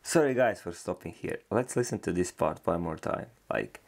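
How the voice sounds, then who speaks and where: Low gravelly man reacting casually. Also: animated, moderate pace, darkish tone. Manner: loose, rambling, enthusiastic, with many fillers. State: tired, yawning. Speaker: reaction video host. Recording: faint music playing behind.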